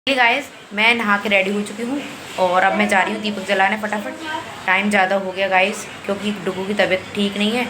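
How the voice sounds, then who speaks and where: A woman's voice: medium pitch, fairly even intonation, brisk, background noise. Chatty woman vlogging from home. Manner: chatty, talks to camera and to her sick child. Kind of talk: casual home vlog.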